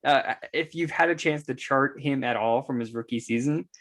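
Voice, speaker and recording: A man's voice: medium pitch, normal speed, fairly bright tone, slight background noise. A man co-hosting a podcast, asking questions in a chatty, easygoing way. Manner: chatty, laughs between questions. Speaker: podcast co-host. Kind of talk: casual podcast chat.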